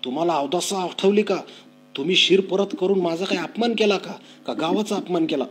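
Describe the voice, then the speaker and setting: A man voicing an angry, hot-headed young villager who shouts accusations at his father. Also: medium pitch, moderate pace, a little hiss or hum, lightly acted. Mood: furious.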